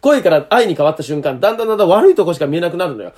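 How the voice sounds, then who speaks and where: A man's voice: high-pitched, big pitch swings, rapid-fire, a little mellow, slightly rough. A man with an Okayama accent, a comedian in comedy talk-show banter, ranting bluntly and arguing his point. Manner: blunt ranting in western Japanese dialect.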